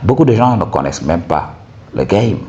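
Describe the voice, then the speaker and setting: A man narrates a personal run-in as a casual monologue, acting out each side of the quarrel and tossing in English phrases. His voice sits a little low. The recording is muffled and lo-fi. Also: big pitch swings, moderate pace, mellow. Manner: retells an argument, acting out both sides. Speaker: channel host.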